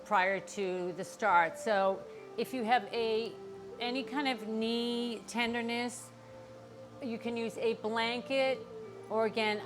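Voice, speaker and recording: An older woman, teaching a yoga class as instructor and explaining things encouragingly, straight to her viewers. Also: medium pitch. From Boston area, United States. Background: music.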